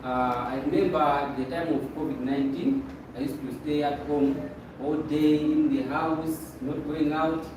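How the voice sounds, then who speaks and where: A man's voice: fairly high pitch, fairly even intonation, a little slow. A young man from Malawi telling a seminar audience how he got into a business, casual and joking. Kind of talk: testimonial talk to an audience. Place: meeting room with a projector. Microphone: far camera. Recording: echoey room from far off, noisy.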